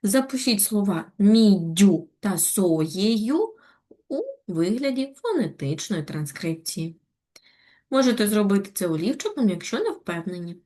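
A woman teacher giving a patient, step-by-step online lesson to young schoolchildren, with gentle reminders. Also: medium pitch, big pitch swings, unhurried. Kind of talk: online Ukrainian lesson for children.

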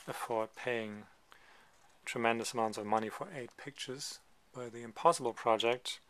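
A man casually presenting a photo book he is paging through at a table, talking in a relaxed, hesitant way with many ums and side remarks. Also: medium pitch, a little hiss or hum. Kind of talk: casual show-and-tell commentary. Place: indoors at a table, filming a book from above.

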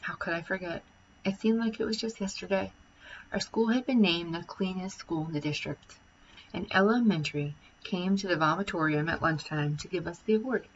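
A woman teacher reading a children's chapter book aloud, with lively, expressive storytelling. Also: fairly low pitch, normal speed, lo-fi sound, a little hiss or hum.

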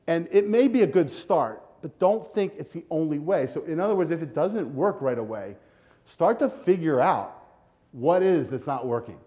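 Energetic older man giving a keynote. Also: a little high, normal speed. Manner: energetic, animated, walks the stage with a handheld clicker; direct, coaching tone to students. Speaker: keynote speaker. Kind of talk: conference keynote speech. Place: hotel ballroom with a seated audience. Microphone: lapel mic.

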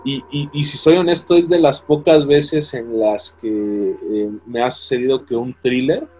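A man's voice: medium pitch, a little slow, a little mellow, slightly rough, soft background music, low-quality recording. Hesitant Mexican man talking shows. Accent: Mexican Spanish. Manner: thoughtful, hesitant, searches for words. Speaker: co-host reviewing a series. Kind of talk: casual chat.

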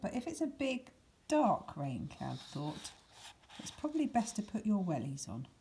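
In a mid-range voice, a female teacher reads a picture book to young children, slow and mellow with animated intonation. The scripted narration is deliberate and expressive, marked by dramatic emphasis and hushed words, with a little background noise in the clip.

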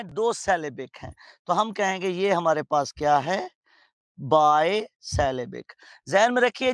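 Man, high-pitched voice, slow deliberate lecture pace, dry close sound, rhetorical questions. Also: fairly bright tone, no room sound. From Pakistan. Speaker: teacher. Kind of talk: grammar lecture in Hindi-English mix. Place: teaching studio.

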